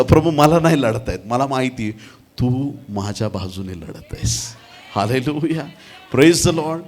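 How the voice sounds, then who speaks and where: Man, pastor, sermon, shifts from hushed to loud praise, hallelujah calls. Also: mid-range voice. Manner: swings from hushed storytelling to loud shouted praise.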